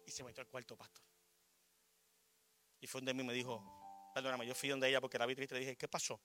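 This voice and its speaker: Puerto Rican pastor, bright and forceful. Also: male voice, medium pitch, flat delivery, a little fast, soft background music. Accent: Puerto Rican Spanish. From Puerto Rico. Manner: swings from loud preaching to soft asides. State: short of breath. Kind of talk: sermon.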